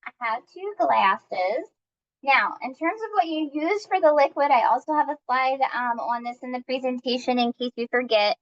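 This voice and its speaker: A woman's voice: high voice, animated, moderate pace, muffled recording. A woman leading a live-streamed cooking class, upbeat and chatty as she talks viewers through each step.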